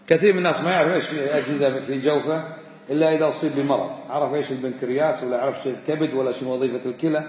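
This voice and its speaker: A man teaching a religious lesson and explaining a text, lively and emphatic, chanting the verses he quotes. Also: mid-range voice, rapid-fire. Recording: echoey hall with long reverb.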